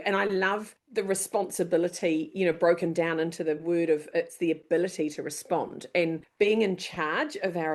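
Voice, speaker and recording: Woman in her 50s, guest on a leadership chat, animated, does voices when she tells a story. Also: fairly low pitch. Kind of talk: casual interview chat.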